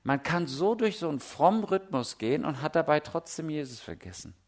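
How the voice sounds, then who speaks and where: A middle-aged man delivers a sermon in a lively, chatty style, packed with everyday anecdotes and questions aimed straight at his listeners. His voice runs slightly high and his pace slightly quick.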